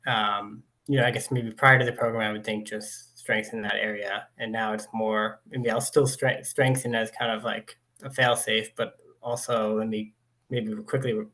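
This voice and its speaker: A man's voice: lowish voice, level tone, normal speed, poor audio. A man at home answering interview questions in a hesitant, casual way with many fillers. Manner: hesitant, many "um" and "like", trails off softly. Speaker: former client and interview guest. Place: at home with a cat.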